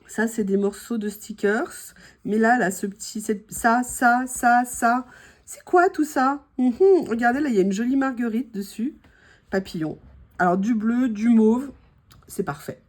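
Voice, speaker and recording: Somewhat high-voiced French woman, a little hoarse, gushing casual vlog chat. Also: a little slow. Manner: chatty, gushing, many fillers. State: slightly hoarse. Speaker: craft vlogger opening mail.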